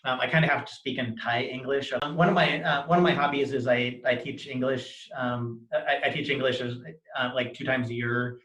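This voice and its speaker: A man's voice: medium pitch, steady tone, a bit bright. A man giving a conversational personal account in disjointed, cluttered speech, repeating words and syllables and often restarting his phrases. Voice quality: disfluent cluttered speech with many word and syllable repetitions. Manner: disjointed, halting, self-correcting delivery with frequent restarts. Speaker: interviewee sharing his experience of cluttering. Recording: roomy, echoey video recording.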